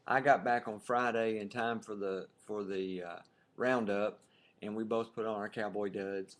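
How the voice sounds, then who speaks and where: A man's voice: lowish voice, steady tone, a little slow. A middle-aged man chatting casually into a webcam at home, joking and chuckling. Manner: jokey, playful, chuckles often. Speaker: co-host of a webcam video. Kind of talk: casual chat.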